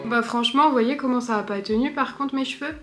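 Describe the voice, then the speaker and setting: A woman's voice: on the high side, fast, music in the background. A young woman chatting casually to camera in her apartment, rambling with self-mocking asides. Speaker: vlogger. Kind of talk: casual home vlog. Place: apartment living room.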